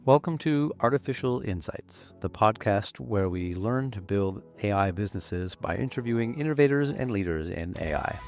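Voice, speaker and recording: A man hosting a podcast, reading a measured introduction and interviewing a guest. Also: lowish voice, expressive, faint music behind. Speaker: podcast host.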